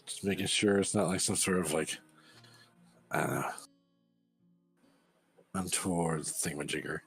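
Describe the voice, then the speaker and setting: Very deep-voiced giggly man player. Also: unhurried, gravelly, a bit bright, slightly rough, soft background music. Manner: giggly, backpedaling jokes. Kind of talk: casual chat at a game table.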